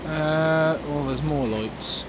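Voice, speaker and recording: A man's voice: fairly high pitch, takes it slowly. A man giving casual, off-the-cuff train commentary with grumbling, sarcastic asides. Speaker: trainspotting video maker. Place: large railway station concourse or platform. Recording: noisy railway station ambience.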